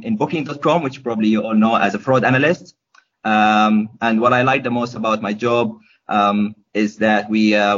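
A young man from Gaza, Palestine, guests on a podcast, giving casual interview answers hesitantly with many ums and restarts. His voice is on the low side and a bit bright, and the podcast audio is dull and lo-fi.

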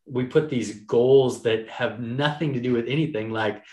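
Energetic man in his thirties, roomy echo. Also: medium pitch. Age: 30s. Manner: energetic, encouraging, fast-flowing talk. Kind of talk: casual chat.

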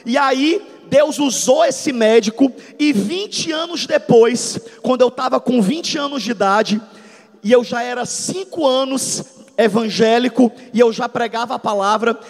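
A man in his thirties, a pastor, preaching a dramatic testimony sermon that swings from soft storytelling to shouts. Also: extremely high pitch, a little slow, big-room sound. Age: 30s. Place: church hall.

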